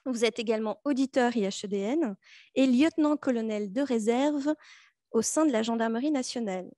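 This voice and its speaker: A woman acts as moderator, reading a prepared formal introduction in a measured, articulate way. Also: a little high, dark tone, no echo, studio quality.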